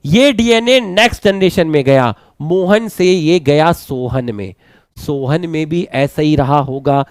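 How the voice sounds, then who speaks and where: A man teaching biology, slowly dictating and repeating phrases for students to write down, mixing terms into his talk. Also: a little high, no echo. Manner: repeats phrases slowly for note-taking, mixes English terms. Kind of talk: lecture, dictating notes.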